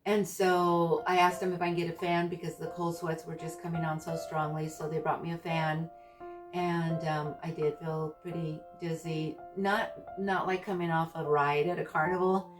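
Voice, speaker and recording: A woman with a low-pitched voice shares a personal story in a casual vlog style. She speaks haltingly, often pausing to find the right word. She sounds some distance from the microphone, with faint guitar music behind her. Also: flat delivery. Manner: halting, hesitant, searching for words. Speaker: vlogger recounting own surgery experience. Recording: distant mic with background music.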